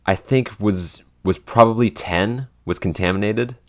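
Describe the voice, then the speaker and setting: His voice is on the low side and his pace measured. The young man, a podcast host and show writer, rambles through casual conversation, often using fillers and starting over.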